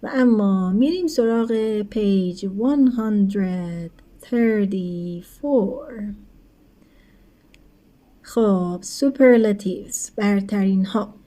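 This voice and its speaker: A woman teacher explaining English grammar in a recorded lesson, speaking quickly in her explanations and slowing right down for English examples, often checking in with her students. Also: medium pitch, mellow. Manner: switches between quick explanations and slow, deliberate English examples; addresses students as kids, asks rhetorical checks.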